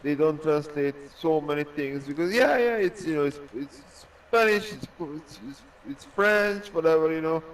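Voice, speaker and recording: A man's voice: on the high side, steady tone, normal speed, few pauses. Rambling Hungarian-accented man, slightly distant. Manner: rambling, many restarts and fillers. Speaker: podcast co-host. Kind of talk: casual chat.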